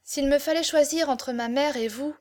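A woman reading the part of a tender, devoted young woman, soft and heartfelt. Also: high-pitched, normal speed, voice pushed up, close to an everyday voice. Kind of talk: audiobook character reading.

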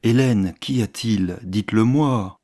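A man reading the lines of an earnest, devoted young gentleman who presses with urgent questions in an audiobook. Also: fairly low pitch, takes it slowly.

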